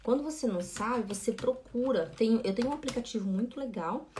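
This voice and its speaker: A woman's voice: on the high side, fairly quick, darkish tone, slight background noise. A woman giving a live-streamed German lesson, chatting with viewers and patiently repeating words. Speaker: German teacher.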